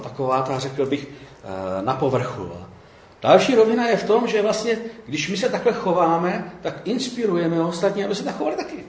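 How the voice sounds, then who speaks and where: A man's voice: medium pitch, reverberant. A man preaching a conversational sermon, often checking in with his listeners by asking "jo?".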